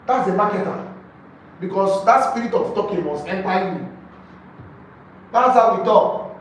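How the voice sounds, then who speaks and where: Speaking in a high-pitched voice with lively intonation and a measured pace, a Nigerian-accented real estate sales trainer lectures a group live. He's emphatic, repeats key phrases, and throws rhetorical questions at listeners, all captured on a distant mic in an echoey room with faint noise.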